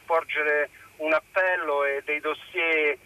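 A man calling in by phone to a radio show, speaking politely and earnestly and pausing often with fillers. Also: fairly high pitch, steady tone, pushed and bright. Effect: voice heard over a phone line on a radio call-in. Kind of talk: formal phone-in appeal.

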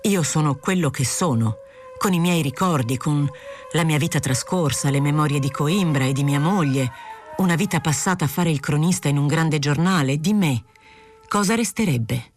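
A woman's voice: low-pitched, normal speed, faint music behind, lightly acted. A woman reading the part of an anxious, widowed older male journalist who speaks in a plaintive, defensive way, in an audiobook.

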